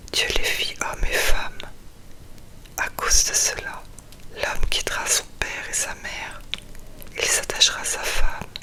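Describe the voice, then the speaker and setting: Whispered voice, ASMR scripture reading, quiet at night, hushed, soothing bedtime delivery. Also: very high voice, vocal fry, low-quality recording. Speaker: reader.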